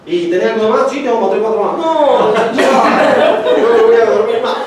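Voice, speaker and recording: A man's voice: very high-pitched, normal speed, a loud crowd. A man teaching a homiletics class in a chatty, joking way, acting out little stories. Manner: chatty, joking, acts out anecdotes. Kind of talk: casual classroom lecture. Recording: echoey room from far off.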